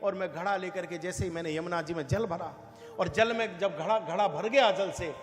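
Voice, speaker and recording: High-voiced man preaching in an echoing hall. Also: normal speed. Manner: acts out dialogue of the characters in his own voice. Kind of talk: devotional storytelling sermon. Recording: echoey hall.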